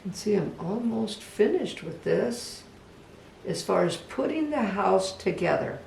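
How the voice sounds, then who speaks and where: A craft instructor giving a casual step-by-step demonstration, talking gently and unhurriedly, even chatting to the project. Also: mid-range voice, unhurried, vocal fry. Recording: echoey room, voice from a distance, faint background hum.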